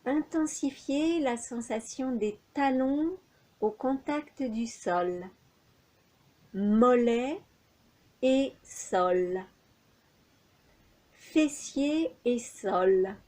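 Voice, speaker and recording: A female instructor guides a yoga nidra relaxation, her calm, soothing instructions measured and separated by long pauses. Her voice sits a little high, and the audio quality is poor.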